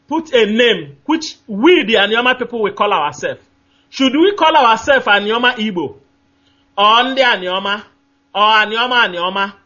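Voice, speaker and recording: A Nigerian-accented man calls in to a radio talk show, his voice high, strained and bright, with the upper frequencies clipped. He speaks emphatically, repeats his points, and often fills gaps with "um" while searching for names.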